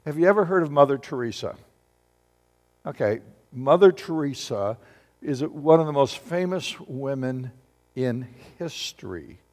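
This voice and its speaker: A man's voice: medium pitch, expressive, a little slow, darkish tone. A man preaching a sermon to his congregation, often putting questions to them and asking them to answer aloud. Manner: asks the congregation questions and calls for responses. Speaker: pastor. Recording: long hall reverb.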